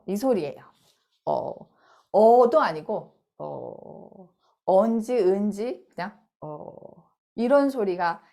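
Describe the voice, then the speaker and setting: A middle-aged woman teaching a phonics lesson in a casual spoken style, explaining slowly and repeating sounds out loud to model them. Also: medium pitch.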